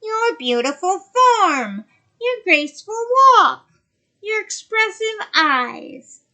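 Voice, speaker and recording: A woman voicing a cruel, mocking old female sea witch in a storybook reading, loud, high and gloating. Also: very animated, takes it slowly, exaggerated voice.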